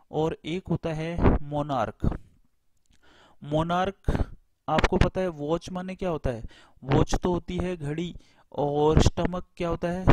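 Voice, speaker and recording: Man, teacher, slightly high voice, asks and answers own questions, classroom-style explanation. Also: noisy background.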